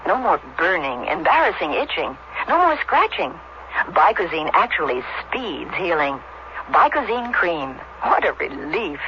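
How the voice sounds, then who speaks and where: A man's voice: on the high side, sing-song, unhurried. A man giving a scripted testimonial in a radio commercial. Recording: muffled radio broadcast with hiss.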